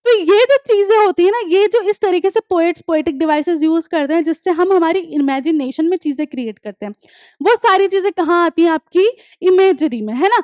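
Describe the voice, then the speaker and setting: High-voiced woman teaching an English class. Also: expressive, darkish tone, no room sound, clean studio sound. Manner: explains step by step, often checking understanding; reads English examples slowly and deliberately. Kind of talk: online class lecture.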